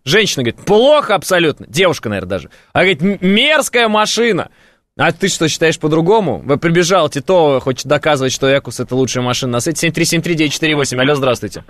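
A man with a fairly high voice hosts a radio call-in show, talking casually and joking at his own expense, with lots of fillers and restarts. The studio sound is close and dry, with no room around it. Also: expressive, rapid-fire, hardly any pauses, a bit bright, no room sound. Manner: joking, self-ironic, chatty with many fillers. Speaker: radio host. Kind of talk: casual radio talk with callers.

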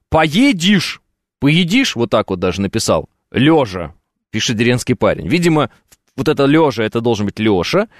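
At home on camera, a man reads his live chat aloud during a casual stream and answers it wryly and jokingly, full of hesitant fillers. His voice is fairly low, and the studio-quality recording has no room sound.

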